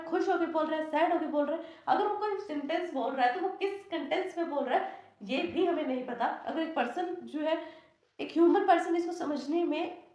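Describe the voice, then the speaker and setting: High-voiced woman teaching in an echoey room. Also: a little mellow. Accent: Indian English. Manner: explains step by step, asks and answers own questions. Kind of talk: classroom lecture.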